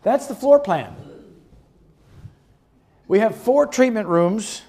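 A man giving a chatty, relaxed presentation about a health retreat to a church group, showing slides and chuckling often. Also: high voice, slow pace, husky. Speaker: guest speaker presenting a health retreat ministry. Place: church meeting room.

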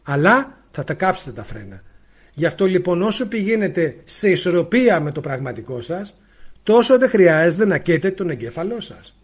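High-pitched male spiritual teacher, talking loud and emphatic over a bad mic on a live stream. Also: very animated, husky. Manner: loud, emphatic, asks rhetorical questions. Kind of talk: livestream talk. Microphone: faulty mic, spoken loudly into it.

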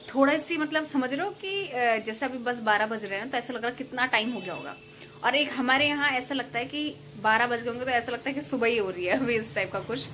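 A woman's voice: high voice, a bit bright, slight background noise. A young woman from Uttarakhand chatting casually to her vlog camera while she cooks in a home kitchen, rambling with lots of fillers. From Uttarakhand, India. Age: young adult. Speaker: vlogger. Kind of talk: casual chat while cooking. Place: home kitchen beside a window onto a busy highway. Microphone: fixed camera placed in the kitchen.

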